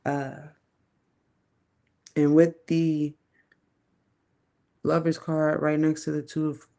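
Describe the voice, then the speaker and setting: A woman's voice: low-pitched, little pitch movement, slow pace, warm tone. A woman giving a casual live tarot reading, thinking aloud in a chatty, loose way and swearing now and then. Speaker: tarot reader.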